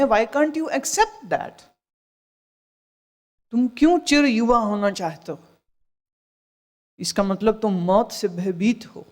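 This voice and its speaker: A woman's voice: mid-range voice, darkish tone. A woman spiritual teacher giving a discourse, scolding with rhetorical questions and dropping in English phrases.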